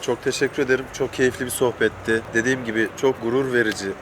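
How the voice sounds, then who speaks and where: A man's voice: medium pitch, steady tone, quick pace. A man hosting a casual chat interview, talking in a joking, teasing way. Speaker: host interviewer. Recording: clear outdoor traffic and vehicle noise. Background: urban outdoor ambience with vehicles.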